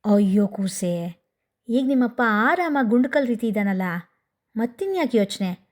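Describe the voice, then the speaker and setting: A woman voicing a tender older village uncle who speaks in a slow, coaxing way. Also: a little high, expressive, close to an everyday voice. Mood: soothing.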